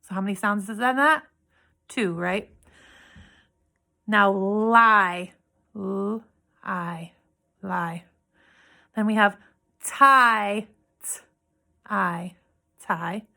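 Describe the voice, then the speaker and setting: A woman teaching a phonics lesson to young children, sounding out words slowly and checking in with "okay?". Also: medium pitch, sharp tone. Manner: slow, clearly sounding out words and letters; asks frequent "okay?" check-ins.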